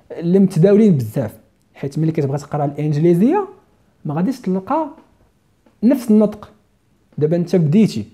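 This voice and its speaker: A man with a Moroccan Arabic accent teaching an English lesson, speaking slow careful English, then rapid Arabic, and repeating words to contrast their pronunciations. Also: a little high, warm tone. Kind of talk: language lesson to camera.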